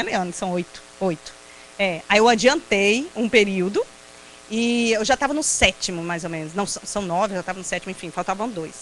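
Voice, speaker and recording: A Brazilian woman with a Brazilian Portuguese accent, giving a personal testimony talk at a prayer group, telling stories in a lively way, laughing often and acting out what people said. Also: medium pitch, slight background noise, poor audio. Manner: lively storyteller who laughs often and acts out quotes. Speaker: invited speaker at a prayer group.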